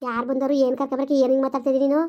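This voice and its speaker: A middle-aged woman playing a weary mother who hushes her angry daughter and complains of her own hardship in a village comedy skit. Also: high voice, flat delivery, very fast, natural voice. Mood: exasperated. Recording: dull lo-fi audio.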